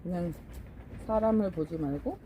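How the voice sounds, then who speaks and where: A woman's voice: lowish voice, normal speed, mellow, slight background noise, low-quality recording. A middle-aged woman vlogging casually about her succulents, chatting to viewers as she plants in a greenhouse. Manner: chatty, talks to viewers while working. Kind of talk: casual chat while planting.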